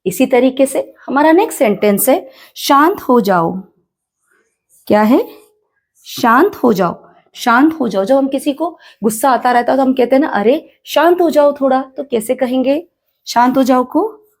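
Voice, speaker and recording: A woman with an Indian accent teaching a spoken English lesson, slowly repeating each phrase and quizzing the learners. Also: sits high, lively intonation. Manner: slow, repeats each phrase, asks the class questions.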